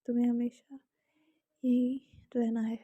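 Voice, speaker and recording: A woman's voice: a little high, level tone, a little slow, breathy edge, no echo, phone-quality sound. A woman voicing a drunk young woman in a storybook tale, her words broken and mumbled. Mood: drunk mumbling.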